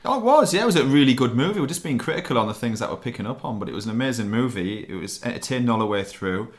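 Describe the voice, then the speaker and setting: A man's voice: mid-range voice, expressive, racing. A man co-hosting a casual film review, enthusiastic and emphatic.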